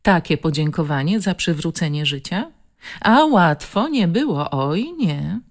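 A woman voicing a brisk, ironic middle-aged nurse who mocks and scolds her patient. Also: medium pitch, wildly swooping pitch, vocal fry, darkish tone, voice pushed up, full character voice. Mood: ironic scolding. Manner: mocking, scolding.

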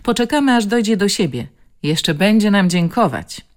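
A woman voicing a brisk, ironic middle-aged nurse who mocks and scolds her patient. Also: medium pitch, wildly swooping pitch, vocal fry, darkish tone, pitched above the performer's own voice, heavily acted. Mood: ironic scolding. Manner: mocking, scolding.

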